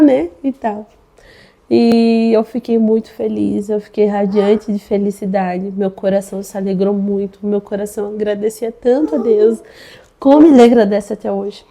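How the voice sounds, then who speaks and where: A woman's voice: medium pitch, mellow. A young woman with a Brazilian Portuguese accent, earnestly sharing a faith testimony about her baby's healing, often repeating her phrases. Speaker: mother giving a testimony.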